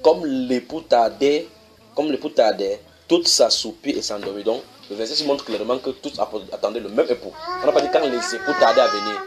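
A man preaching in a church, reading scripture verses slowly and then explaining them, often asking his listeners whether they follow. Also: mid-range voice, a bit bright. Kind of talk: sermon teaching.

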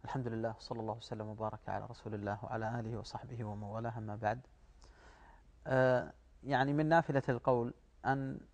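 A man's voice: mid-range voice, darkish tone. A man speaking as a guest religious scholar, explaining in a didactic, rhetorical way in formal Arabic. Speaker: guest Islamic studies scholar.

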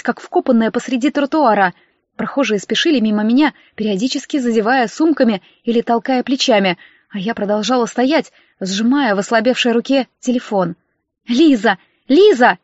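A woman reading a novel aloud in first-person, narrating with lively expression. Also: a little high, no echo. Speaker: audiobook narrator. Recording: dry, dull lo-fi audio.

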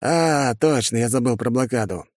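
Male reader playing a laid-back noble friend, calm and offhand, a bit higher, dry mic. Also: moderate pace, no echo, close to an everyday voice. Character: easygoing young nobleman friend, calm, laconic.

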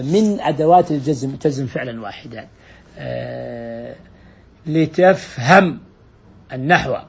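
Teaching grammar to a class, a man with a slightly raised, somewhat husky and a little mellow voice patiently works through each rule. He repeats his examples and keeps questioning the students.

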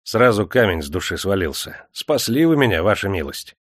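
A man's voice: on the low side, sing-song, normal speed, dry recording, studio quality. A man doing a fawning, crafty clerk. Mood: anxious, fawning. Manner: nervous, servile.

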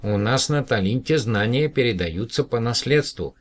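A man voicing a small green alien who explains things calmly and earnestly in an audiobook. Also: medium pitch, moderate pace, voice pushed up, lightly acted.

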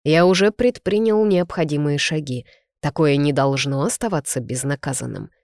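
A reader voicing a shrewd, stern old man with a cane, measured and coolly authoritative. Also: mid-range voice, a little mellow, no echo, clean studio sound, close to an everyday voice.

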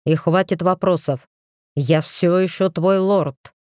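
A woman's voice: on the low side, fairly even intonation, takes it slowly, a little mellow, no echo, studio quality. Argas, a woman voicing a stern male lord. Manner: firm, curt, commanding. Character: stern proud male lord, a dragon-like ruler.

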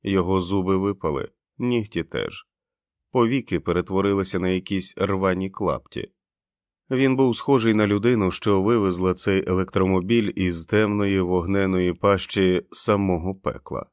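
A man narrating a novel as an audiobook in a measured, dramatic reading. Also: low voice, no echo, studio quality.

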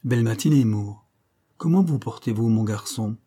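Casting : vieux recteur nasillard, bourru et alerte, joué par un homme. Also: male voice, lowish voice, normal speed, warm tone, slightly rough. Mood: brusque. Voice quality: nasal. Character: older male rector, brisk and gruff.

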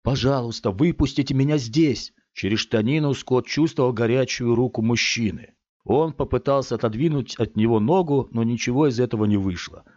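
A man's voice: mid-range voice, brisk, a little mellow, dry recording. A man reading an audiobook story aloud as narrator. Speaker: audiobook reader. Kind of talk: scripted narration. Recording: dry, slightly muffled.

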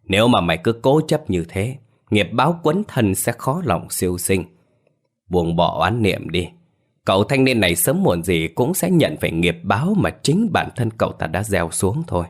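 A man voicing an older male exorcist who sighs and admonishes calmly. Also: low voice, normal speed, exaggerated voice. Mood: admonishing. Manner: sighing, admonishing. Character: older male exorcist master, calm and stern.

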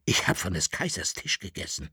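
A man voicing a sleepy, frightened Bohemian nobleman in an audiobook, speaking quietly and drowsily. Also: medium pitch, wildly swooping pitch, slow, gravelly, husky, dry recording, clean studio sound, exaggerated voice. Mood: shaken.

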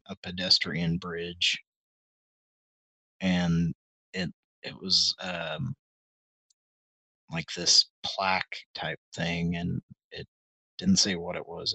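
A man's voice: deep voice, little pitch movement, slow, gravelly, pauses often, pushed and bright, slightly rough, no echo, rough recording. A middle-aged man hosting a live stream, rambling in casual chat with many hesitations and wry, self-deprecating asides. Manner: meandering and hesitant, full of ums and restarts. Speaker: host of a live call-in stream.

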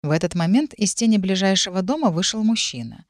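An audiobook narrator with a mid-range voice reads a first-person story aloud in an even, measured manner. The recording is clean studio sound with no room sound.

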